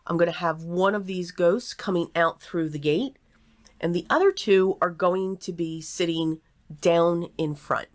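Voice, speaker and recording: A woman hosting a casual craft tutorial in an echoey, sparsely furnished room, explaining each step aloud in an unhurried way. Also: on the low side, steady tone. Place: small table in a nearly empty craft room.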